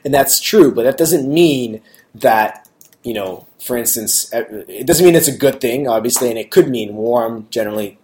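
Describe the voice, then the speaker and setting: A man's voice: mid-range voice, animated, normal speed, a little mellow. A man co-hosting a podcast in casual chat, hesitant and searching for words, laughing often.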